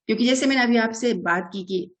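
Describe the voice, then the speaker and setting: A woman's voice: on the high side, brisk, fairly bright tone. A middle-aged woman, an early childhood development expert giving an earnest interview answer that is full of English terms and short hesitations. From Pakistan.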